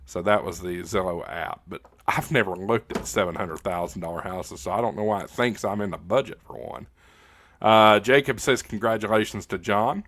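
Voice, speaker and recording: Reading viewer comments on his livestream, an American man chats in a loose, folksy, joking manner. His voice is lowish and fairly bright, and he talks at a normal speed.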